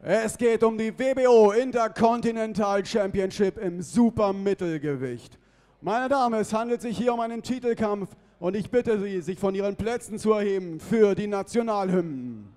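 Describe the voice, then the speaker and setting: Booming boxing ring announcer. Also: male voice, warm tone. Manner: booming, drawn-out name calls. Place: boxing arena.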